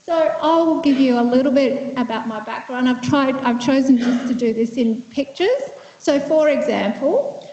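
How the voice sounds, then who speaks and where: Her voice sits high, warm in tone and at a moderate pace, as this psychiatrist from Vietnam gives a conference presentation. She is thoughtful and conversational, full of fillers and restarts. The lecture room echoes, and the audio is dull and lo-fi.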